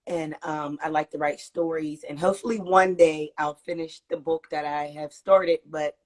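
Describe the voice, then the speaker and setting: Woman, forties, from Pittsburgh, hoarse, tired, halting, fillers, phone video call. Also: sits low, fairly even intonation, darkish tone. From Pittsburgh, United States. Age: 40s. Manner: halting, trails off, many fillers. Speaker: interview guest. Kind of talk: casual video-call interview.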